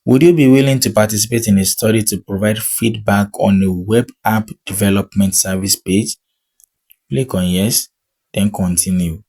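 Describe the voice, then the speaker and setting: In a screen-share tutorial, an online money coach who isn't a native English speaker reads the on-screen text aloud and keeps checking in with "okay?". His voice is fairly low, mellow, and husky, at a moderate pace.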